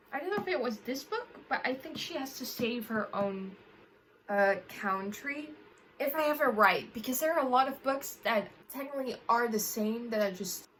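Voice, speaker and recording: A woman's voice: a little high, a bit bright, a little hiss or hum, rough recording. Rambling young woman book vlogger. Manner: rambling, with frequent self-corrections and fillers. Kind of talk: casual chat to camera.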